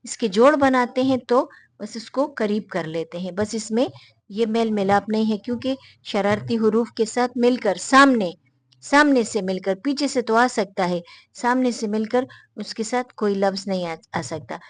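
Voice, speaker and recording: A woman's voice: on the high side, dry recording. A woman teacher explaining a lesson step by step, patient and repetitive, slipping English words into her speech. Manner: patient, repeats and points things out step by step. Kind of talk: explaining a lesson to young learners.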